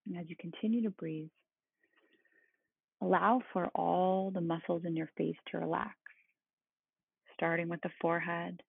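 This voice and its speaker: A meditation guide speaking in a calm, meditative tone with a husky, creaky voice. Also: medium pitch, normal speed, pauses often. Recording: roomy, phone-like thin sound.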